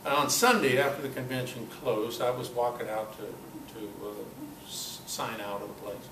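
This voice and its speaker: The recording, made from a distance in a noisy, echoing meeting room, catches an older guest speaker at medium pitch. He talks informally to the club audience, recounting anecdotes in a halting, chatty manner.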